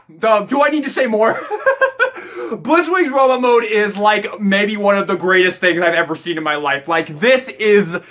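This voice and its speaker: A young man giving an excitable, rambling toy review, swearing casually as he walks through each step. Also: sits high.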